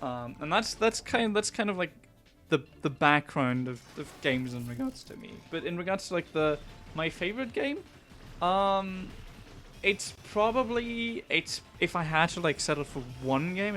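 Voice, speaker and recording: A man's voice: high voice, lively intonation, moderate pace, a bit bright, soft background music. A man in his twenties, a game developer, talking casually in a podcast interview, rambling with lots of fillers and restarts. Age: 20s.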